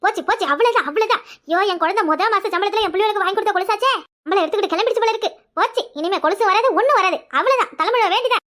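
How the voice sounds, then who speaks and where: Woman voicing a fast, bright-voiced nagging cartoon mom, southern Tamil village accent. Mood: panicked. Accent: southern Tamil Nadu village Tamil. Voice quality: shrill, fast, exclaiming. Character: scolding village mother, loud and quick-tempered. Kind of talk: cartoon voice acting.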